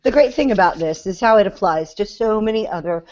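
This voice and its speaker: A woman's voice: mid-range voice, animated, brisk, a little mellow. A woman co-hosting a political podcast, playful and teasing. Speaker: podcast co-host. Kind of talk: casual political podcast chat. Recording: dull lo-fi sound.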